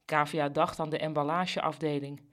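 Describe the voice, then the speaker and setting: A woman's voice: low voice, little pitch movement, moderate pace. A woman narrating a serialized comic story in a dry, matter-of-fact way.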